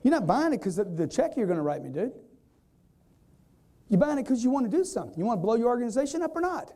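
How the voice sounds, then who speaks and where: A man giving an energetic live sales seminar, quizzing the audience and acting out customers in quoted voices. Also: very high voice, quick pace. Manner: energetic, repetitive, keeps quizzing the crowd. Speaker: sales trainer.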